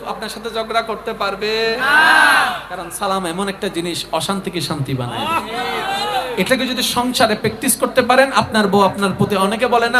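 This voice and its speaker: A man with a high voice preaches to a packed gathering, rising into loud calls and dropping into quiet storytelling. He keeps calling on the listeners to answer him. The crowd's murmur is heard clearly behind him. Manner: swings between loud exhortation and hushed storytelling; calls out to the audience for responses. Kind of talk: Islamic sermon to a live gathering. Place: religious gathering with a large audience.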